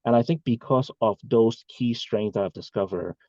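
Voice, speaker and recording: A man's voice: medium pitch, moderate pace, darkish tone, no echo, lo-fi sound. A man, giving earnest, rambling answers as an interview guest over a video call. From Hong Kong. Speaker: guest, bank executive. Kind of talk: casual interview talk.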